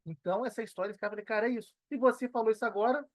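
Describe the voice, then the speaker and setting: This Brazilian digital entrepreneur, a guest on a podcast, speaks in a high, rapid-fire voice with a slightly mellow quality and no room sound. His casual, slangy interview talk is earnest and emphatic, full of repeated phrases for emphasis.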